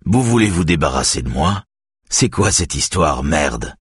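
A bossy, impatient middle-aged police chief with a mocking tone, as a male narrator puts him on. The voice stays very deep and husky, recorded close in a dry room. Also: big pitch swings, measured pace, no echo, full character voice.

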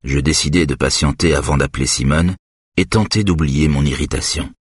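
Man narrating an audiobook, extremely low, husky voice, steady and measured. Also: no echo, clean studio sound. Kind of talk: first-person audiobook narration.

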